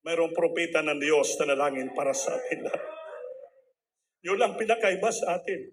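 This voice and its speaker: A man's voice: on the high side, lively intonation, moderate pace, slight background noise. A middle-aged man preaching a sermon, telling a conversational testimony and mixing in English phrases.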